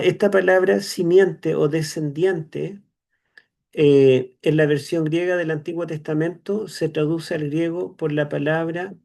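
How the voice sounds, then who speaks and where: A Chilean man teaching a theology class, explaining slowly with many "eh" fillers and tag questions. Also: a little high, creaky, darkish tone. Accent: Chilean Spanish. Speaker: seminary teacher. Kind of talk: online theology lecture.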